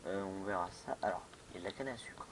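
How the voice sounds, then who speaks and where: A man's voice: low-pitched, fast, background noise. Hesitant man commenting on his game. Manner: hesitant, many fillers and restarts, laughing to himself. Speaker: gamer playing a modded block-building game. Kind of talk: casual let's play commentary.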